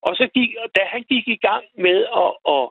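A man calling in to a radio show, telling a personal story in a halting way, repeating words as he goes. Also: high-pitched, husky, no echo. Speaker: radio caller. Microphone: telephone. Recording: tinny phone line, dry.

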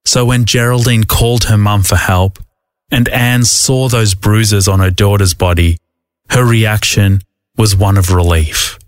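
A man with a low voice narrates a documentary from a script. His delivery is measured and even, and the recording is dry and close, with no room sound. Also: dry recording.

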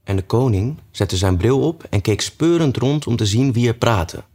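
A man reading a storybook aloud, relaxed and pausing with small hesitations. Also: mid-range voice.

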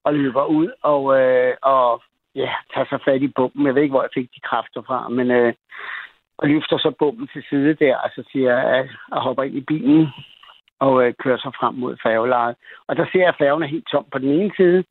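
A man's voice: mid-range voice, fairly even intonation, no echo. A man calling a radio show to tell a personal story, agitated and rambling, with many restarts and fillers. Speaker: caller. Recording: tinny phone line.

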